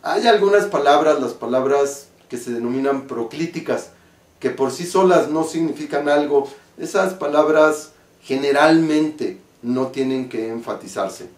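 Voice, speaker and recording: A man with a Mexican accent, an acting teacher explaining stage diction slowly and deliberately. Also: medium pitch. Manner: slow, deliberate, carefully articulated explanation. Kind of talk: spoken lesson on stage diction. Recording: roomy, from a distance.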